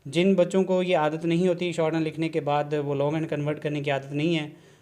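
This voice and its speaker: A man gives a shorthand lesson on video. His voice sits a little high for a man. He explains patiently, checks in often with a short "okay", and drops English terms into his sentences. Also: flat delivery, fast, a little mellow. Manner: explanatory, repeats "theek hai ji", mixes English terms into Urdu. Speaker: shorthand instructor. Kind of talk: classroom-style video lesson.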